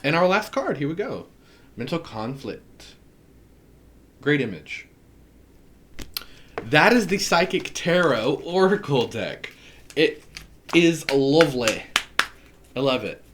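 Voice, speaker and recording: A man's voice: on the high side, big pitch swings, slow, long pauses, a bit bright, slight background noise. A man with a Southern US accent, chatting enthusiastically as he unboxes a tarot deck and laughs often. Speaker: tarot reader. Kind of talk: casual deck unboxing chat.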